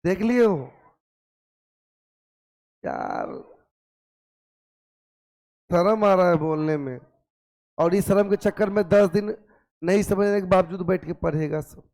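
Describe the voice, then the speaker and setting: Physics teacher with a sore throat. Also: male voice, high voice, unhurried, pauses often. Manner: coaxing, scolding students gently, repeats questions. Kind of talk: classroom lecture. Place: classroom.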